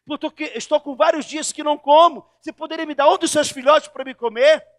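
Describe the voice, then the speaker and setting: A pastor putting on a cunning female fox in a pulpit fable, pleading in a high, strained tone. She feigns injury to beg, and her voice reads dry and close. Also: a little fast, no echo. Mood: wheedling. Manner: pleading, then threatening.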